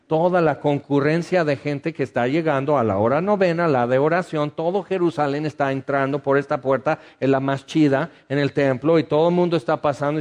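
Animated Mexican pastor preaching. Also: male voice, on the high side. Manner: animated, acts out dialogue, conversational asides. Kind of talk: sermon with storytelling.

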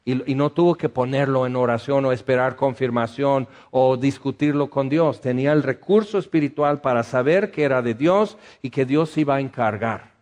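A man with a Mexican accent preaching a sermon, telling a story and acting out the dialogue in a lively, conversational way. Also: medium pitch, normal speed, hardly any pauses. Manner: animated, acts out dialogue, conversational asides. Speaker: pastor.

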